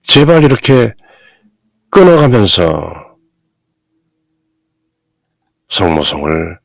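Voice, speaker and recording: A man teaching a bilingual reading lesson on a devotional text, reading slowly and deliberately with long pauses between phrases. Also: fairly low pitch, sing-song, vocal fry, no echo.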